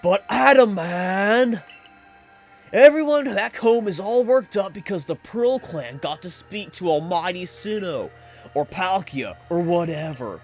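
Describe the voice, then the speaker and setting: A man's voice: high voice, expressive, a little slow, soft background music, pitched above the performer's own voice, exaggerated voice. A man voicing an arrogant young male clan warden, in a drawling hippie-like voice full of haughty condescension. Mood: whiny.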